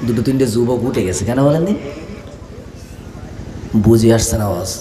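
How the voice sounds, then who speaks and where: A hoarse male preacher giving a sermon, telling stories and breaking into melodic chant. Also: medium pitch, animated, moderate pace, big-room sound, background noise. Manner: storytelling, voices quoted people, breaks into melodic chant. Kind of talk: Islamic sermon with chanted Arabic. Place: stage at a large religious gathering.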